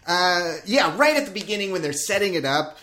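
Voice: medium pitch, expressive, fairly quick, pushed and bright. A podcast co-host in casual chat about a TV episode, enthusiastic and swearing casually.

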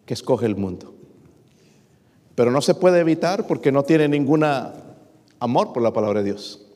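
In the large hall of a church, a middle-aged man with a dark-toned voice preaches to his congregation. He reads scripture verses aloud, growing louder and higher on them, frequently asks rhetorical questions, and calls the listeners brothers.

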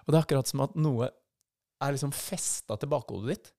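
A Norwegian man on a podcast microphone tells a story in a lively, unscripted way, slipping into the voices of the people he describes. His voice sits at an ordinary middle pitch for a man. The recording is close and dry, with no room sound. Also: vocal fry, dry recording. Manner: vivid, acts out quoted voices in his story. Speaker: podcast co-host.

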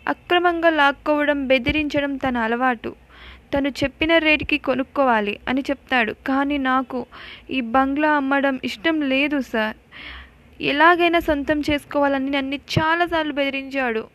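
A woman voicing an injured, grieving man who pleads for his life in a told horror story. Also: high-pitched. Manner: tearful, pleading.

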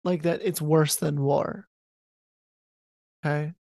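Low-voiced young woman, dry and blunt. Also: fairly even intonation, slow pace, vocal fry, darkish tone, no echo. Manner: dry, blunt, sleepy and yawning. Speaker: podcast co-host. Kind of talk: casual chat about music.

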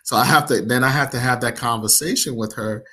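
A man's voice: mid-range voice, pushed and bright, slightly rough. A man from Nigeria, an app founder, talking casually in an interview with lots of fillers and restarts. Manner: many fillers, halting restarts.

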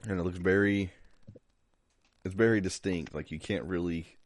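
A man's voice: deep voice, fairly even intonation, normal speed. A young man co-hosting a podcast in casual chat, laid-back, joking crudely. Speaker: podcast co-host.

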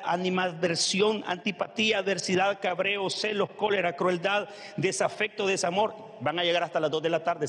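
A man preaching a sermon as pastor, rattling off long word lists and calling out to his congregation, sometimes rising to a shout. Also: high voice, big-room sound. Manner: calls out to the congregation.

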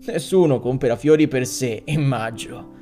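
Guy doing a chatty flower vendor, folksy and teasing, kinda gravelly. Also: medium pitch, measured pace, mellow, faint music behind, close to an everyday voice. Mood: jovial. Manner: jovial, folksy, salesman's banter. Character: chatty middle-aged male street florist.

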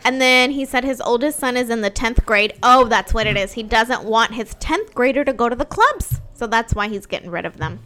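A bubbly woman co-host chatting casually about homes and celebrity news. Her voice sits a bit high and has a bright, forward tone. She talks in an emphatic, excited way. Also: fairly quick, hardly any pauses, slight background noise. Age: adult mother. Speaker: co-host of a real estate news show. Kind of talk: casual chat.

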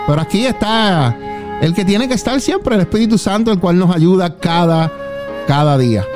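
Puerto Rican male radio pastor, higher voice, exclamatory host, music bed. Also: lively intonation, moderate pace. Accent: Puerto Rican Spanish. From Puerto Rico. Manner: warm, exclamatory, many fillers.

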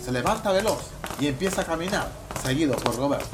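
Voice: mid-range voice, animated, fast, background noise. A narrator reading scripted scene descriptions for a comic radio sketch.

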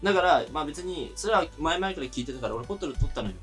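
A man casually chatting as a podcast co-host, telling rambling stories and laughing often, saying he feels low-energy today. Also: animated, fast, fairly bright tone, faint music behind. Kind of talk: casual chat.

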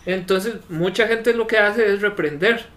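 High-voiced Costa Rican young man explaining. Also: unhurried, a bit bright. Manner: earnest, explanatory about esoteric beliefs. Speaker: podcast co-host. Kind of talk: casual chat.

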